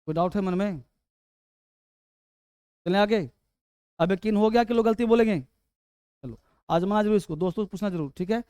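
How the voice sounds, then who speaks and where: Man, grammar teacher, quizzing, smooth voice, dry sound. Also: high-pitched, a little mellow, no room sound. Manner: quizzing, repeatedly urging quick answers. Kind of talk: classroom lesson.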